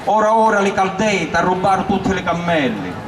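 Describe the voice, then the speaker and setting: A man's voice: high-pitched, big pitch swings, moderate pace, crowd noise, pitched above the performer's own voice. A frantic Sicilian servant, acted by a man reciting verse, laments disaster in a raised, pleading voice with a Sicilian accent. The voice comes from a distance in an echoing, noisy space. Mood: panicked lament. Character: frantic male servant bringing news of disaster. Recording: roomy echo, distant mic, clear background noise.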